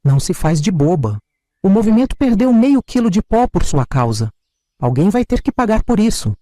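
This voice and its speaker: A man's voice: sits high, big pitch swings, moderate pace, mellow, no echo, pitched above the performer's own voice. A man voicing a menacing woman neighbor tied to gangsters, speaking coldly and with threat. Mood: threatening. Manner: cold, threatening.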